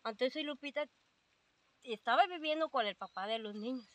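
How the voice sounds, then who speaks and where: A woman's voice: high voice, normal speed, a bit bright. An older woman with a Mexican accent, telling her story in a rambling way with many fillers, quoting what others said. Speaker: interviewee. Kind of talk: casual storytelling.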